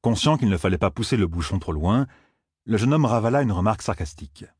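A man narrating an audiobook in a measured storytelling manner. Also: lowish voice, animated, a little mellow, slightly rough, no room sound, clean studio sound. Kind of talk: scripted narration.

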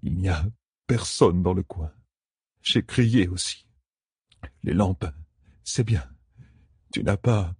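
A man's voice: sits low, fast talker, few pauses, darkish tone, dry recording, clean studio sound, full character voice. A man voicing a badly wounded young prince who speaks weakly and breathily in an audiobook. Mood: faint. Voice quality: weak, breathy, murmured. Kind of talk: audiobook character voice.

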